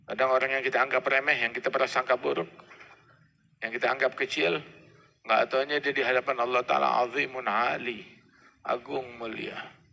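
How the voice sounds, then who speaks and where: Preacher with gravelly voice. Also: male voice, mid-range voice, steady tone, normal speed, long pauses, bright, forceful tone. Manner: conversational, acts out dialogue. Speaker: Islamic preacher. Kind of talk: sermon storytelling. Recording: reverberant hall with faint noise.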